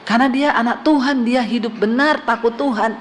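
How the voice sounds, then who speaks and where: High-voiced woman pastor preaching animatedly. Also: a little fast. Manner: animated storytelling with quoted voices and humor. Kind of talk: sermon.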